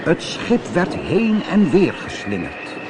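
A man reading a children's story aloud as narrator, slow and expressive. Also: fairly high pitch, very noisy.

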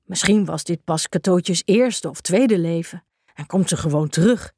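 A woman's voice: on the low side, moderate pace, slightly rough, dry recording, clean studio sound. A woman voicing a big, wise, kindly male dog who comforts the others in a children's story. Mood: gentle. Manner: calm and comforting.

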